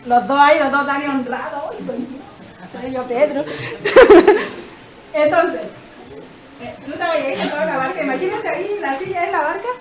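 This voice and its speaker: A woman preaching with a very high, bright voice. She tells the story with animation and calls people from the congregation to act it out. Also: moderate pace, a crowd in the background, poor audio. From Chile. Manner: animated storytelling, directing the congregation, laughs often. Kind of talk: lively interactive sermon.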